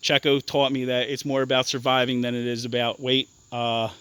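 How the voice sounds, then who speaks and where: Guy talking thru his atv mods, lots of ums, swears casually, clean smooth voice, dry sound. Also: medium pitch, monotone, a bit bright, dry recording. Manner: halting, many ums and restarts, blunt and profane. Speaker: ATV owner explaining his bike mods. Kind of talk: casual walkaround explanation.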